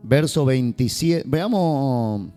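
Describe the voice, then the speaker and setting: Pastor preaching over soft guitar. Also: male voice, medium pitch, slow, smooth. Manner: lively, joking asides to the congregation. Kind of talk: sermon.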